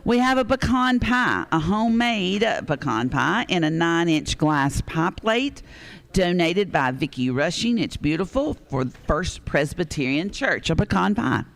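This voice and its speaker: A man runs a local charity auction. He reads off bids, donors and items in a folksy, chatty way, often pausing on fillers. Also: high voice, very animated, a bit bright. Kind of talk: live charity auction announcing.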